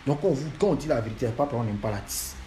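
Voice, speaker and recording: A man's voice: medium pitch, lively intonation, rapid-fire, dark tone. Guy ranting at fans, keeps repeating himself, slight background hiss. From Ivory Coast. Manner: scolding, repetitive, emphatic. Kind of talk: lecturing monologue to fans.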